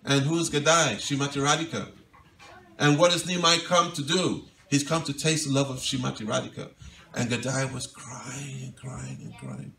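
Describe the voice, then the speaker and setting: A man's voice: mid-range voice, fairly even intonation, fairly quick, vocal fry, slight background noise. Man telling a sermon in an echoey room. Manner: gentle, wistful storytelling, voice drops soft and quiet for quoted pleas. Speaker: monk giving a devotional lecture. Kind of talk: storytelling sermon. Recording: roomy hall echo, mic at a distance, faint ambience.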